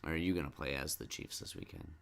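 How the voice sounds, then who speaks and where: A man's voice: rumbling low, steady tone, fast talker, gravelly, a bit bright. A middle-aged man hosting a casual sports podcast with his child, patiently asking question after question and coaxing answers. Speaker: podcast host and dad.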